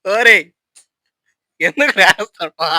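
High, piercing man pestering a friend. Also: animated, unhurried, poor audio. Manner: loud, insistent, repeats calls and commands. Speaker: vlogger pranking a friend. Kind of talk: casual prank vlog, teasing and coaxing. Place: home, recorded on a phone. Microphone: phone camera.

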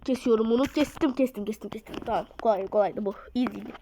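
A woman giving excited live commentary on a mobile game, her voice a little off from being ill, recorded on a phone mic. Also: on the high side, fast, slight background noise, poor audio. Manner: excitable, urges and scolds the game, drops to mutters. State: slightly ill voice. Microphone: phone mic via screen recorder.

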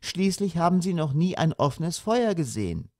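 A man reading an audiobook voices a sharp-tongued, pointed middle-aged mother. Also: fairly high pitch, expressive, normal speed, no room sound, clean studio sound, pitched above the performer's own voice.

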